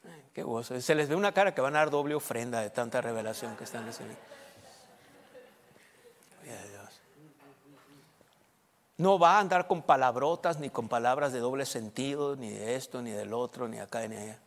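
Pastor preaching in a reverberant church. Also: male voice, mid-range voice, normal speed, pauses often. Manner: emphatic, swings between loud and soft, checks in with the congregation. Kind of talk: sermon.

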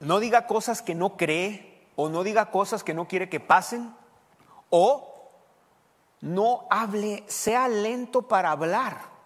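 Animated high-voiced male pastor preaching. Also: slow pace, in a large hall. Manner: animated preaching, swings from loud emphatic to quiet asides; code-switches English words into speech. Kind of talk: sermon.

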